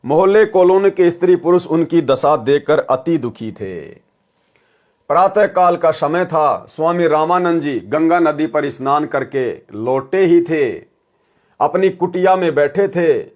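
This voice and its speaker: Calling his audience brothers and sisters, this preacher, whose voice sits on the high side, reads from a scripture story and breaks off now and then to offer commentary.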